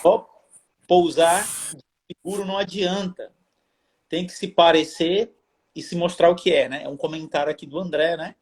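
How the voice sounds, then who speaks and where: A Brazilian man co-hosts a live stream and reads the viewers' questions aloud. His voice is a little high for a man. He sounds upbeat and friendly as he greets people by name. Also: steady tone, normal speed, long pauses. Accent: Brazilian Portuguese.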